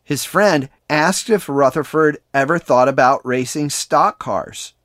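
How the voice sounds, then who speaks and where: This sports history podcast host narrates a prepared script in a measured delivery, his voice somewhat high and a bit bright. The audio is close and dry, without echo.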